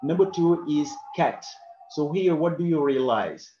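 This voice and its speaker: A man's voice: on the high side, animated, a little slow, over music. A man teaching a pronunciation lesson at a board, saying each example word twice and checking in with "okay?" after each point. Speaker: English teacher. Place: classroom writing on a board. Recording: roomy, dull classroom audio.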